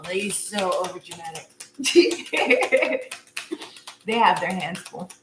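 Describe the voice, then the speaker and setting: A woman hosting a live tarot reading, chatting casually with her viewers and laughing often. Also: medium pitch. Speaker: tarot reader. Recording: echoey room with faint noise.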